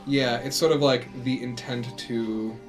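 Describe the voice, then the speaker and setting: A man's voice: medium pitch, steady tone, unhurried, music in the background. A man playing a tabletop game, talking in upbeat, joking banter with the table. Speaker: player. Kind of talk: casual tabletop play.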